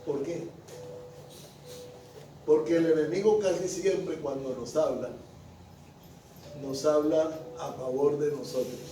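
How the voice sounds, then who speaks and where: A man preaches a sermon in a high, mellow voice, drawing the congregation in with questions. The sound comes from a distance in a roomy, echoing space with faint background noise. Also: slow, long pauses. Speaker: pastor. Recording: echoey room with the mic at a distance.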